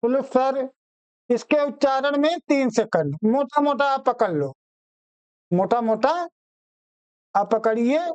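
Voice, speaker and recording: Slow high-voiced male teacher dictating. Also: a little mellow, smooth, no echo. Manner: slow, repeats each phrase for dictation; addresses students as children. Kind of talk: exam-prep Hindi grammar lesson.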